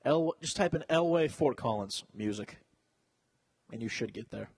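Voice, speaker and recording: Husky-voiced male podcast co-host, loose and profane, joking banter. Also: medium pitch, lively intonation, normal speed, a little mellow. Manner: crude, joking, swears freely. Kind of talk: casual banter.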